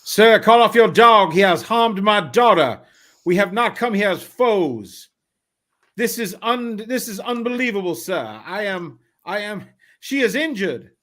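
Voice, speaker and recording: A man voicing a protective, formal gentleman father who speaks in stiff, old-fashioned phrases. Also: high voice, animated, unhurried, pitched above the performer's own voice. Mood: indignant.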